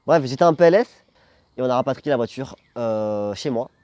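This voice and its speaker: A man's voice: mid-range voice, lively intonation, fairly quick, a little mellow, dry recording. Young male vlogger. Casual, slangy storyteller with a theatrical, joking streak and free swearing. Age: young adult. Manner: jokey, theatrical, swearing freely. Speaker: vlogger telling a personal story.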